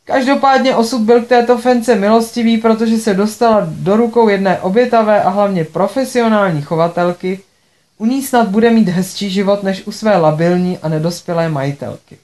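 A woman's voice: medium pitch, a little mellow. Woman reading a first-person story, dry and a bit sarcastic. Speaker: narrator. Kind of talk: first-person audiobook narration.

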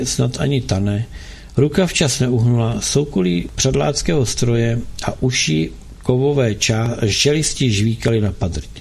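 Gravelly, husky man narrating a novel, measured. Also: mid-range voice, a little mellow. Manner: measured storytelling.

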